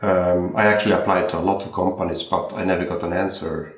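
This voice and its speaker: This watchmaker guest, a young Swede, talks casually about his trade, stopping and starting and repeating himself while he gathers his thoughts. His very low voice keeps a fairly level intonation, captured in an echoey home room.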